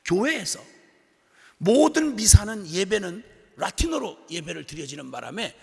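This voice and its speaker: A middle-aged man preaching a sermon at a large revival assembly, telling funny stories with sudden loud outbursts. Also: high-pitched, sing-song, normal speed, gravelly, slightly rough. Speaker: missionary preacher. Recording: long reverb of a big hall.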